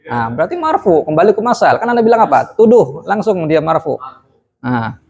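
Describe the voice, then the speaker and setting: A man teaching Arabic grammar in a prayer room, quizzing his students with quick questions and then repeating and explaining each term. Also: on the high side, very animated, darkish tone. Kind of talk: classroom lesson.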